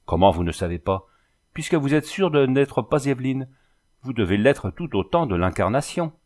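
A man's voice: medium pitch, sing-song, moderate pace, a little mellow, close to an everyday voice. A man voicing an anxious, bookish young husband in a storybook reading, pressing with urgent questions. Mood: agitated.

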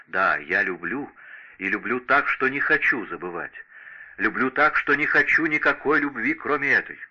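A man's voice: medium pitch, lively intonation, moderate pace, sharp tone, muffled recording. A man voicing a lovesick young French noblewoman who pleads with passion in an audiobook. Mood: pleading. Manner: impassioned, imploring. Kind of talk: audiobook character reading.

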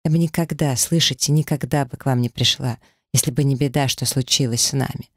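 A man's voice: mid-range voice, steady tone, a little fast, no room sound, lightly acted. Male narrator doing a desperate young aunt, raised pleading voice, dry mic. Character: young woman pleading for her sick niece.

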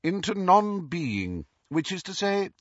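A man's voice: high-pitched, very animated, takes it slowly, dry recording, pitched above the performer's own voice, exaggerated voice. Icy stern old female professor, voiced by a man. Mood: cold. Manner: crisp, icily cold. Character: stern older female professor, cold and sharp. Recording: slightly dull, dry recording.

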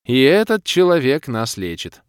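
A man's voice: on the high side, wildly swooping pitch, normal speed, dry recording, clean studio sound, pitched above the performer's own voice. A man voicing a cheerful young woman adventurer who teases her companions. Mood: teasing. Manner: teasing, amused.

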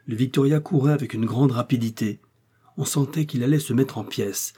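Male audiobook narrator, measured reading, dark mellow tone. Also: medium pitch, slightly rough. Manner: steady, measured storytelling. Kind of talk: scripted narration.

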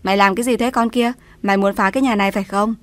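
A woman's voice: medium pitch, steady tone, quick pace, dry recording, natural voice. A woman voicing a contemptuous sister-in-law who talks down in a sneering, dismissive way.

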